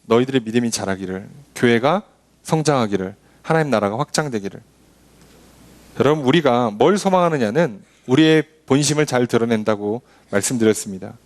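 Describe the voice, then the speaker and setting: A man's voice: mid-range voice, lively intonation, fairly quick. A man preaching a Sunday sermon as pastor, acting out boastful people with scoffing clicks.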